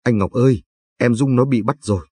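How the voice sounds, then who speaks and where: A man's voice: medium pitch, brisk, warm tone, breathy edge, no room sound, natural voice. A man reading the part of a grief-stricken elderly mother who pleads through tears, in an audiobook narration. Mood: tearful pleading. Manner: tearful, pleading. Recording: dry, faint background music.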